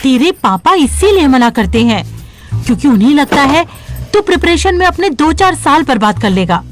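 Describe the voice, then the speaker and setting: A woman voicing a caring, practical middle-aged mother who reasons gently with her son. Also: sits high, big pitch swings, moderate pace, faint music behind. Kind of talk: audio story dialogue.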